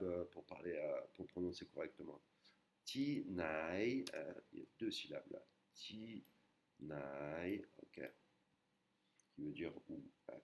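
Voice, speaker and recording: A man's voice: low-pitched, darkish tone, slight background noise. A man teaching an online language lesson, patiently repeating and breaking words into syllables.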